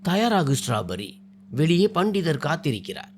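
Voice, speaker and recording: A man's voice: a little high, big pitch swings, moderate pace, a little hiss or hum. A man voicing a charming, possessive young groom. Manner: teasing, coaxing, turns cold and threatening.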